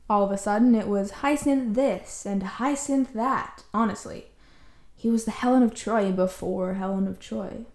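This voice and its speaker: A woman with a soft-edged, mellow voice hosts a chatty storytelling podcast. She is wry and playful, teasing her material with sarcastic asides. The sound is clearly echoey, as if recorded in an empty apartment room. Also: mid-range voice. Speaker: podcast host. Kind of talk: casual, chatty comedic storytelling. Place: indoors, empty room in a new home.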